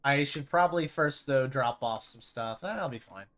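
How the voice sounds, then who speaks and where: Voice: mid-range voice, moderate pace, fairly bright tone. A streamer rambling and thinking aloud over live gameplay in casual chat.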